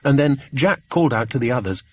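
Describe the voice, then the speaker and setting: A man reading a children's adventure audiobook aloud in measured, expressive narration. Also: mid-range voice, dry recording. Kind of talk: scripted storybook narration.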